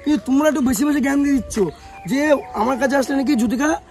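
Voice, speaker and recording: This young male vlogger from West Bengal, India, has a very high, slightly mellow voice and a quick pace. Chatting casually to the camera with soft music behind him, he defends himself against comments through many rhetorical questions and keeps calling viewers "bhai."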